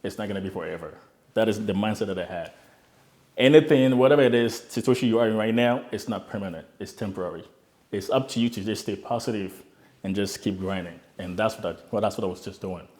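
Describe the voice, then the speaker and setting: Fast and low, with a darkish tone, the voice is that of a young Ghanaian immigrant who founded a start-up. In the interview he tells his personal story earnestly and reflectively, and he tends to restart sentences, repeating words as he does.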